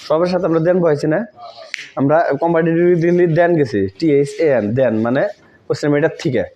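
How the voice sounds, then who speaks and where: On a dull, lo-fi recording, a man with a slightly high, dark-toned voice talks fast. He is giving an English grammar lesson, going back over key words and checking that students keep up.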